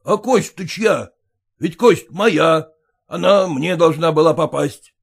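A man voicing a proud, fussy male yard dog in an audiobook, with a husky voice and a stern, indignant, deliberate manner. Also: a little high, full character voice. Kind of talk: audiobook reading.

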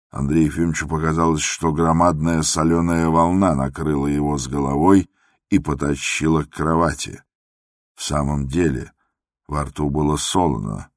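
A man narrating a literary drama in a measured, grave manner. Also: very deep voice, no room sound, clean studio sound.

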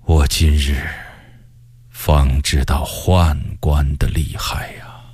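A man's voice: low voice, sing-song, measured pace, dry recording, studio quality, pitched below the performer's own voice, exaggerated voice. A man voicing a proud, stubborn male army commander who speaks in a stern, scornful way. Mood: sighing. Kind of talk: storytelling character voice.

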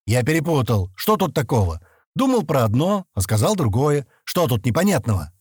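A man's voice: mid-range voice, sing-song, normal speed, husky, no echo, studio quality, voice pushed up. A man reading an audiobook, voicing an impatient young man who grumbles and scolds his companions. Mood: grumbling. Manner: grumbling, exasperated.

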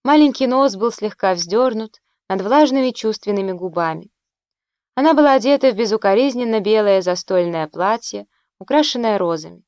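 A woman narrating a historical novel in an even, literary reading. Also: mid-range voice, moderate pace, clear, resonant tone, no room sound, lo-fi sound. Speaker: audiobook narrator. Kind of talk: scripted narration.

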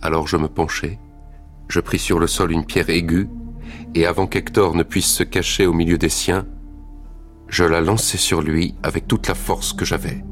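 An actor playing a Greek warrior who recounts his fight in a measured, grave way. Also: low voice, steady tone, faint music behind, lightly acted. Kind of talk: scripted literary narration.

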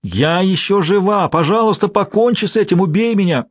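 A man reading an audiobook, voicing a badly injured woman who speaks faintly and slowly between wheezes. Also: high-pitched, no room sound, voice pushed up. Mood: pleading. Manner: slow, faint and rasping. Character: dying woman, weak and delirious. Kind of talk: audiobook character voice. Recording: dry studio sound.

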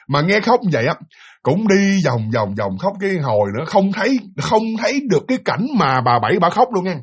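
Talking directly to whoever's listening, a man recounts a ghost story in an easygoing, chatty style. His voice is high-pitched and husky.

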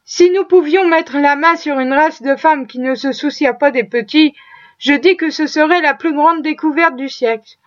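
Woman reader doing a whiny, scheming trader in a storybook reading, high voice, muffled lo-fi sound. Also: normal speed, lightly acted. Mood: lamenting. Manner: whining, wheedling. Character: slave trader Haley, scheming middle-aged man.

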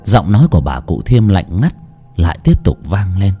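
A man narrating a horror story in a slow, dramatic, suspenseful way. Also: low voice, very animated, mellow, soft background music.

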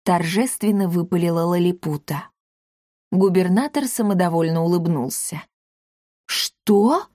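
A woman reading a children's story aloud with lively storytelling. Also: fairly low pitch, moderate pace, dry recording, studio quality. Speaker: audiobook narrator. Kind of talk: scripted narration.

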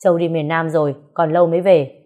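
A woman's voice: sits low, flat delivery, quick pace, dark tone, natural voice. Woman doing a cold, curt middle-aged man.

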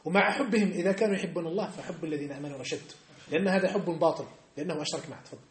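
A man's voice: a little high, very fast. A man teaching a religious text class, explaining verses and often asking his students whether they have understood. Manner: lively, quizzes students often. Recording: echoey classroom.

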